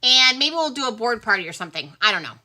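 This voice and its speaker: A woman's voice: a little high, sing-song, quick pace, sharp tone. A middle-aged woman hosting a casual live stream, chatting with viewers and sounding tired. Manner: chatty, friendly sign-off to viewers. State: tired, yawning. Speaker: livestream host selling pearls. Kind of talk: casual livestream chat.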